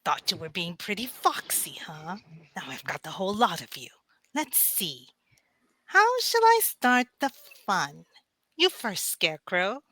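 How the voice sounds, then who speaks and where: A woman's voice: mid-range voice, sing-song, measured pace, pushed and bright, dry recording, full character voice. A woman playing a wicked witch in a comic radio play, theatrical and gloating, drawing out her menace. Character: cackling, gloating wicked witch, shrieking villainess.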